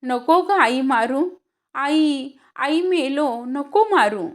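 A woman's voice: high-pitched, lively intonation, very slow, pitched above the performer's own voice, exaggerated voice. A woman voicing a frightened young boy pleading and crying out in a storybook reading. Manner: pleading, panicked.

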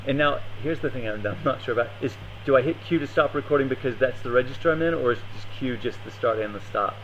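A man's voice: medium pitch, quick pace, a bit bright, lo-fi sound, slight background noise. Hesitant man thinking aloud over clicks. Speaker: meetup presenter. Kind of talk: live coding demo. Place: meetup room.

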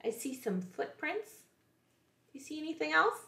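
A woman's voice: high voice, very animated, normal speed, creaky, sharp tone, reverberant, a little hiss or hum. A woman, a children's librarian, reading picture books aloud to young kids in a playful way, often asking them questions.

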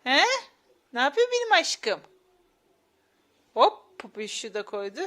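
Woman, mother, high pitch, very animated, singsong baby talk, phone camera, faint noise behind. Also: a little slow. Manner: cooing, singsong, repeats herself. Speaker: mother filming her baby.

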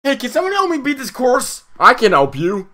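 A man recording let's-play commentary from inside a closet at night, excitable and frustrated, talking to his viewers. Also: extremely high pitch, moderate pace. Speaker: gamer.

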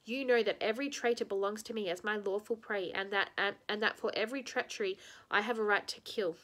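A woman voicing a cold, menacing witch queen in a storybook reading, shrill and imperious. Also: quick pace, fairly bright tone, natural voice.

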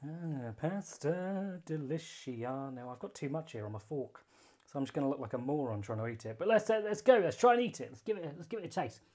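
A man's voice: a little high, lively intonation, brisk, darkish tone. A young British man in a home kitchen, chatty and self-mocking, swearing and using slang while he cooks. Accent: British English. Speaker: cooking vlogger. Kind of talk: casual cooking review. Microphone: phone camera filming hands.

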